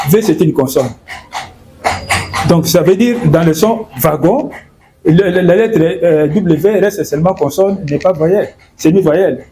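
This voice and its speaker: A man's voice: on the high side, noisy background. A man from Congo explaining in an interview, hesitant and repeating words and fillers. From Democratic Republic of the Congo. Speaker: guest.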